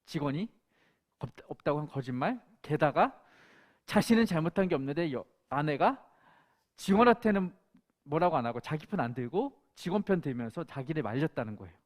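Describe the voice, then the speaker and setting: A man's voice: fairly high pitch, big pitch swings, brisk. A male pastor preaching a sermon, telling an anecdote and acting out the quotes in it. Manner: storytelling with acted-out quotes.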